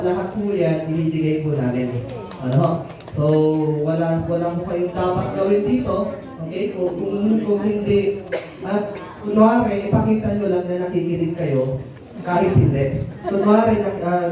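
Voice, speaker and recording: A man giving a teasing, playful seminar talk to teachers, mixing in English phrases. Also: sits high. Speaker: workshop speaker for teachers. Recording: echoey hall, speaker far from mic.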